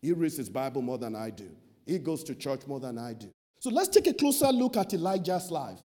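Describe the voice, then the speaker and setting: A man's voice: medium pitch, big pitch swings, fairly quick, dark tone. A man preaching a sermon, emphatic, building lists and rhetorical questions.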